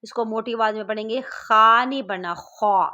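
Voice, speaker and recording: A woman teaching Quran reading online, explaining letters plainly and drawing out each sound slowly as she recites it. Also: fairly high pitch, sharp tone, lo-fi sound.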